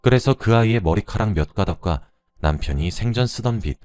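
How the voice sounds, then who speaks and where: Brief: male storyteller, very deep and lively in pitch, dry close sound, measured narration. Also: smooth, dry recording, soft background music. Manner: measured first-person retelling, as a wife. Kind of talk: scripted narration.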